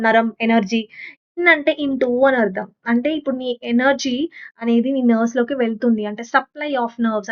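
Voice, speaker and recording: Woman, Telugu accent, teacher, asks and answers her own questions, slightly dull lo-fi recording. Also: a little high. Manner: mixes English terms into Telugu speech. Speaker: English teacher. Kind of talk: exam-prep lesson.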